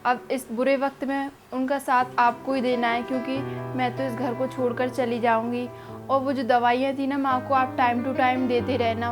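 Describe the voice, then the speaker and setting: A woman playing a devoted young wife in an amateur short film, speaking softly and reassuringly. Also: fairly high pitch, natural voice. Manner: soft, coaxing, reassuring. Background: background music.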